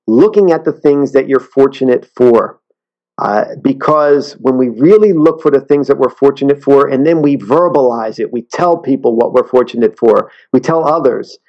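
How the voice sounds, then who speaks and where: A man talking as an interview guest, earnest and halting, often restarting his sentences. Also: medium pitch, dull audio. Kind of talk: casual interview talk.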